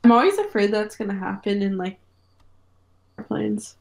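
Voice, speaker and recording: A woman's voice: mid-range voice, normal speed, gravelly, a little mellow. Giggly young woman reading odd headlines. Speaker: podcast co-host bringing headlines. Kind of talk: casual chat.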